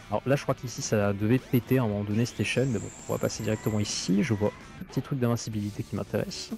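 A man's voice: on the low side, a little mellow. A man giving chatty gameplay commentary through an 8-bit bitcrushed voice filter, reacting to the game as he plays. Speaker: gaming streamer.

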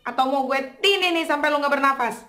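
A woman plays a young, bossy female debt collector in a comedy skit. Her voice is high and she talks in a scolding. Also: fast talker, sharp tone. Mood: annoyed, threatening. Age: young adult. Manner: scolding, demanding. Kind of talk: comedy skit acting, colloquial. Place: indoors, in a house.

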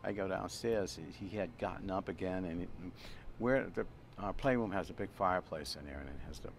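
An older man with a low, brisk voice and some vocal fry hosts a cooking video at an outdoor grill, chuckling often and repeating words as he rambles through a long anecdote. The chatty storytelling is captured in a noisy outdoor recording, with traffic passing in the background.

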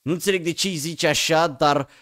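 A young man giving excited gameplay commentary, talking straight to viewers and swinging from hushed murmurs to sudden yelps. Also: on the high side. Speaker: gaming YouTuber. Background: game music.

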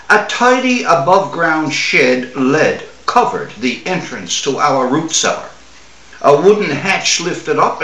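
Seated at a table in a small home or office room, a Newfoundland author in his 60s or 70s reads one of his short stories. His pitch runs on the high side, and his delivery is measured and expressive, broken by dramatic pauses. The recording comes from a camera a few feet off and sounds distant and roomy.

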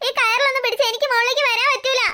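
A woman's voice: very high voice, flat delivery, very fast, pushed and bright, exaggerated voice. A woman voicing a whimpering old grandmother stuck in a pit, pleading in a cartoon. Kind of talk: cartoon voice acting.

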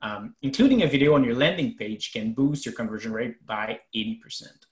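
A man's voice: medium pitch, expressive, fairly quick, echoey room. A man with a French Canadian accent presenting web development tips in a webinar, explaining with frequent fillers. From Quebec, Canada.

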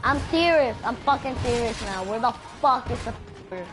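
High voiced girl gamer cussing out her team, game music blasting behind. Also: a little fast. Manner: frustrated, swearing, bursts of yelling at teammates. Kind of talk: live gameplay commentary. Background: loud game music.

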